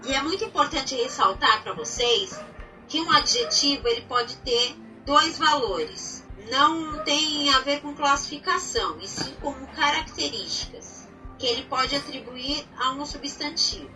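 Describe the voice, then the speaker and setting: A woman's voice: high-pitched, pushed and bright, recorded from a distance, low-quality recording. A woman teacher from Brazil, patiently explaining grammar step by step and checking in with her students. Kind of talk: recorded grammar lesson.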